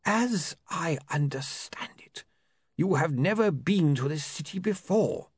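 Casting: male reader doing a dry, stiff old lawyer, gravelly and husky, very slow, pitch rising and falling in a measured way. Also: expressive, dry recording, heavily acted.

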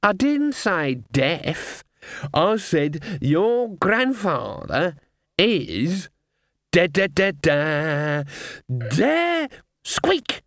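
A man voicing a chatty, excitable male raven that squawks and gossips in a storybook reading. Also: a little high, extremely slow, no echo, clean studio sound, voice pushed up, heavily acted.

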